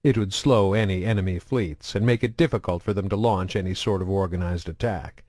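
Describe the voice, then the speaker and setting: A man narrates a novel at an even, measured pace. His voice sits on the low side, and it is recorded dry and close with no room sound. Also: no echo. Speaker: audiobook narrator. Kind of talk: audiobook narration.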